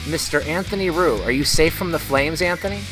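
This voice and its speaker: A man's voice: a little high, brisk, over music. Man hosting with easy banter. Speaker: podcast host. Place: remote video call.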